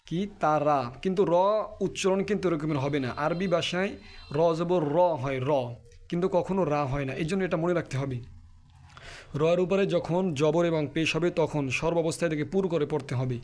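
A man teaching Quran pronunciation, explaining each letter quickly and then chanting the verses slowly. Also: a little high. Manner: clears throat now and then. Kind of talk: Quran pronunciation lesson with recitation.

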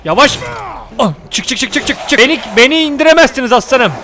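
A young man with a Turkish accent giving excitable, joking commentary while playing a game, often shouting at the characters. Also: extremely high pitch, quick pace. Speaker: gaming YouTuber. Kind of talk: let's play commentary.

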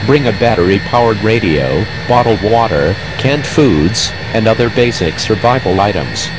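Low-voiced man reading an emergency alert. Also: noisy background. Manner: flat, measured official delivery. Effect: emergency alert broadcast cutting into regular programming. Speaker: emergency broadcast announcer. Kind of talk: scripted emergency announcement.

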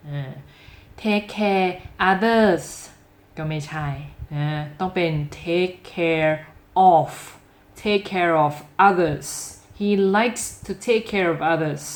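A woman from Thailand giving a casual video lesson on English, speaking lively and straight to the viewer, and repeating example phrases slowly and clearly. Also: medium pitch. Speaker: English teacher.

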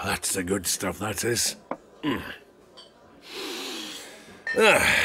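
Playing a grizzled harpooner who spins a boastful, haunted sea yarn in a tavern, an older man delivers dramatic audio drama storytelling in a gravelly, theatrical voice. His medium-pitched voice is bright, forceful and heavily acted, boastful and nostalgic, full of salty sailor talk, chuckling and theatrical asides.

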